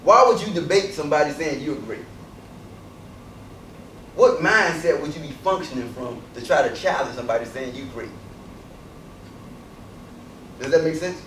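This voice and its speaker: Recorded from a distance in an echoey lecture hall, a man with a somewhat high, slightly bright voice delivers a forceful speech to university students. Invited to speak, he fires rhetorical questions at the crowd. A little hiss or hum is audible.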